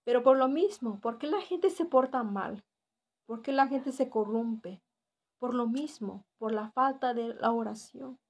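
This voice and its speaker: A woman's voice: fairly high pitch, darkish tone. A woman with a Mexican accent giving an earnest religious testimony, repeating phrases for emphasis and often adding tag questions. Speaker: church member giving testimony.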